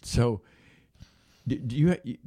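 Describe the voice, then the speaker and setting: A man's voice: medium pitch, a little slow, warm tone, slightly rough. A man hosting an interview, asking friendly questions and chatting along with short replies. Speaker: interview host. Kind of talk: conversational interview.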